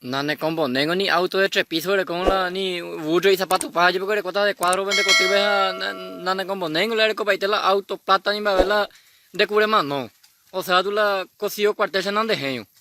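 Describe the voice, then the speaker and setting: A man's voice: sits high, fairly even intonation, brisk, bright, forceful tone, a little hiss or hum. A man doing a comic monologue, rambling in mumbled, clipped slang. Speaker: comedian.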